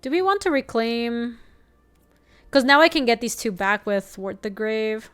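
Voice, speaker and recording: She's a young Ecuadorian native Spanish speaker playing a card game on stream, chatty and quick to laugh as she reads and responds to chat. Her fairly high voice is animated, fairly bright, clear and resonant.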